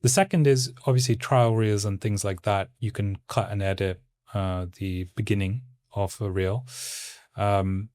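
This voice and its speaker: Man, monotone and calm, stoic delivery, low-pitched, dry close sound. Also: dry recording. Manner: stoic, measured. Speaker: guest, content creator. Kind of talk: casual interview talk.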